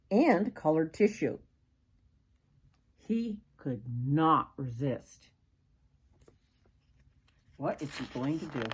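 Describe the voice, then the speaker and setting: An older woman with a fairly low, mellow voice and a breathy edge reads a picture book aloud as a grandmother would. She reads expressively, adding dramatic emphasis and little asides to the young listeners.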